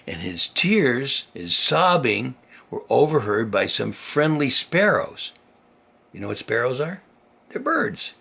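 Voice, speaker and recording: A grandfather with a husky, gravelly, mid-range voice slowly reads a children's story to a young child. His delivery is expressive and playful, with simple, chatty explanations along the way.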